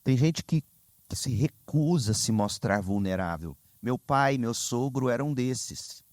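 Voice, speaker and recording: A Brazilian man preaching a sermon as pastor, telling stories with lively, sudden high exclamations. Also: measured pace, no echo. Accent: Brazilian Portuguese. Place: church sanctuary.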